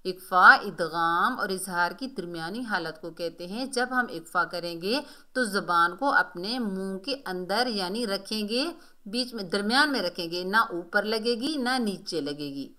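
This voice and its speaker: A woman gives a slow, careful recitation lesson and stretches each chanted word. Her voice is bright and very clear. She speaks at an unhurried pace. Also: mid-range voice. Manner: explains rules slowly, then recites words in a drawn-out chant. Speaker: Quran recitation teacher. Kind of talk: tajweed lesson with recited examples.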